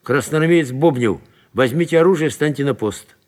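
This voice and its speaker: A man's voice: medium pitch, animated, moderate pace, lightly acted. A man voicing a young army lieutenant in a read-aloud story, giving clipped orders and speaking with uneasy restraint. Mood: stern. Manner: clipped orders, then soft hesitant speech.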